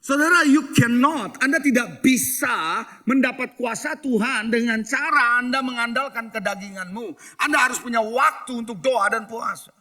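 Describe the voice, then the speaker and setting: The middle-aged pastor preaching here has an extremely high-pitched, sharp voice and speaks at a moderate pace with few pauses. In a church hall, he tells stories, questions the congregation and blends English phrases into his sermon.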